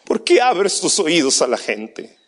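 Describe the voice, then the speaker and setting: A man with a high voice preaches a sermon to his church. He takes his time, with drawn-out pauses. His delivery moves from hushed storytelling to loud, shouted appeals. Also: sing-song. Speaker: pastor.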